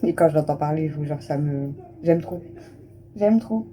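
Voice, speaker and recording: A woman's voice: deep voice, little pitch movement, fairly quick, dark tone, slight background noise. A woman in her thirties, a family vlogger chatting casually to camera at home, rambling with lots of fillers. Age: 30s. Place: at home, just out of the shower.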